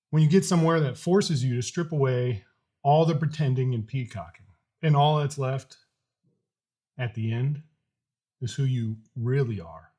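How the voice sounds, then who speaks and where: A man with a husky, relaxed voice talks to his vlog audience about faith and motivation. He is earnest and deliberate, breaking his thoughts into short phrases with pauses. His pitch sits in an ordinary middle range. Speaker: host of a daily challenge vlog. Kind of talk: motivational talk to camera with a faith message.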